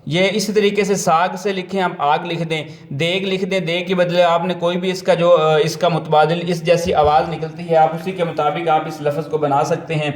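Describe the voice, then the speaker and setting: A man teaching a first-grade reading lesson to parents and tutors, with a Pakistani accent. He explains patiently, repeats himself, and sounds out letters slowly. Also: on the high side, little pitch movement, echoey room.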